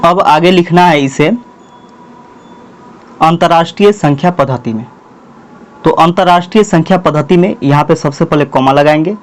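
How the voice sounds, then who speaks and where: A man with a Bihari Hindi accent teaches a school math lesson and dictates each number slowly, one word at a time. His voice sits a little high for a man. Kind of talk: board-work math lesson.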